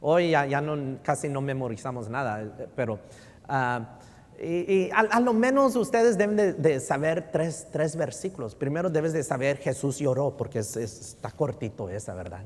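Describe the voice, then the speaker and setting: Guy preaching in church, keeps saying "right?", goes loud then quiet, big echoey hall. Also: fairly high pitch, lively intonation, normal speed. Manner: switches between Spanish and English, keeps asking "right?"; swings from loud emphasis to near-murmur. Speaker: pastor. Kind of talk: sermon. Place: church sanctuary. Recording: long reverb in a large hall.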